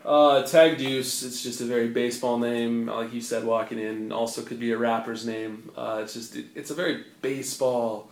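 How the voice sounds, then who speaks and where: A man's voice: mid-range voice, steady tone, moderate pace, few pauses. A young man co-hosting a casual sports podcast, with a dry, wry sense of humor. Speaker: podcast co-host. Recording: echoey room.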